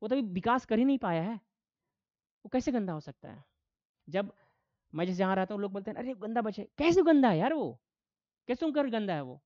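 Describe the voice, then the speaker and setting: Animated man lecturing a class, dull dry sound. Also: sits high, a little fast, pauses often, no echo. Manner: asks students questions and answers them himself; animated, acts out quoted voices. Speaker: teacher.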